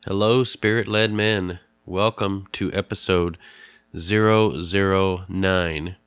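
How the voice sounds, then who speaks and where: This middle-aged podcaster, nasal and stuffy with a cold, opens his show by introducing a guest. His deep voice is smooth and fairly bright with fairly even intonation, earnest and candid, broken by filler-laden pauses. There's no room sound, and the highs are cut off.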